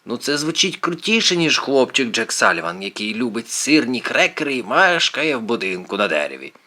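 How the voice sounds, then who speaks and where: A man's voice: mid-range voice, very animated, brisk, sharp tone. A precise, bookish teenage boy with a fussy, lecturing way of talking, as a man reads him in an audiobook. The voice sits well above a grown man's and swings up and down as he explains things. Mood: wry. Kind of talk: audiobook character voice.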